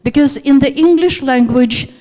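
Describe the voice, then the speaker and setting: A woman's voice: sits high, normal speed, warm tone. A woman leading a teacher workshop, speaking hesitantly with many fillers. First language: Russian. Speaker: teacher trainer. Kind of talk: workshop lecture. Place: seminar room. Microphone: handheld microphone. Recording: hall reverb.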